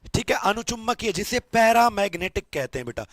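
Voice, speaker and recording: A male science teacher giving an online exam-prep lecture, quizzing students over and over in a fond way. His voice cracks when he talks fast. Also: high-pitched, big pitch swings, fairly bright tone, dry recording. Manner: repetitive quizzing, calls students "beta" and "babu".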